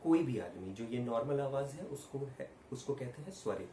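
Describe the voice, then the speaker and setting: A man's voice: mid-range voice, lively intonation, moderate pace, warm tone. A man teaching an online acting lesson in Hindi speech work, explaining stress on vowels and projecting his voice in demonstrations. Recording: roomy recording with faint ambient noise.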